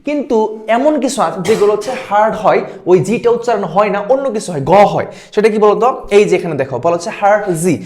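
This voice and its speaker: A man's voice: sits high, darkish tone. A man teaching an exam-prep lesson, repeating words and checking in with his students. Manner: quick, repeats words, asks "ঠিক আছে?". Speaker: admission test tutor.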